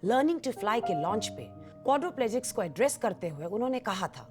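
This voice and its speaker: An actress playing a television news reporter who delivers a crisp, dramatic news report. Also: female voice, on the high side, sing-song, fast, over music.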